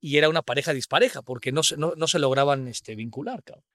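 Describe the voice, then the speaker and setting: A Mexican man with a bright, fairly high voice wanders through his thoughts, stopping and restarting as a podcast co-host. The recording is dry and close. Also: no room sound. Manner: rambling, halting, full of fillers. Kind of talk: casual podcast chat.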